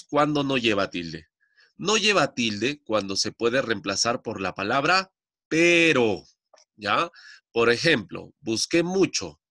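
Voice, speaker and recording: A man's voice: mid-range voice, bright, forceful tone, dry recording, studio quality. A man teaching a classroom grammar lesson, explaining patiently and checking understanding often.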